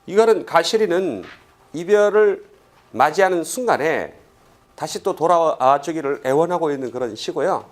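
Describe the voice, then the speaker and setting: A middle-aged man from Korea lectures a class in an animated, swooping voice. His pitch sits a little high for a man. He keeps firing rhetorical questions and briefly acts out the lines he quotes. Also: normal speed. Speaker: Korean language exam lecturer.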